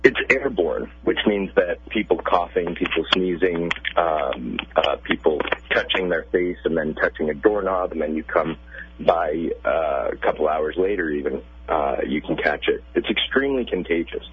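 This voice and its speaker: A pediatrician, a man, calmly explaining medical questions as a guest on a radio interview, heard over a phone line. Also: low voice, normal speed, slight background noise.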